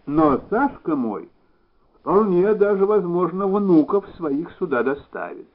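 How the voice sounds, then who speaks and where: A man doing a slow-spoken older Soviet official. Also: high voice, expressive, pitched above the performer's own voice. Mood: wistful. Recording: slightly dull recording.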